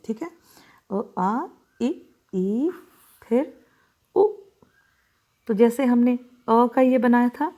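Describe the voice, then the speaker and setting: Slow, patient Hindi teacher woman. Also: fairly high pitch, mellow. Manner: slow and deliberate, drawing out each vowel sound, checking in with "ठीक है?". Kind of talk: slow, patient handwriting lesson for children.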